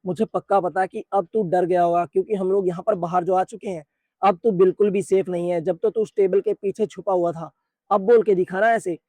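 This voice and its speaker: A man's voice: high-pitched, steady tone, brisk, mellow, no room sound, lightly acted. A man voicing a crude, boastful teenage male bully who hurls insults and threats. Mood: taunting. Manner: crude insulting taunts, then begging when hurt.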